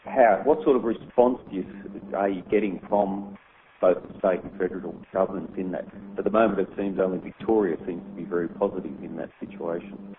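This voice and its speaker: A man's voice: deep voice, brisk. A man putting a spontaneous question from the floor at a formal talk. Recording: thin phone-like audio with faint noise.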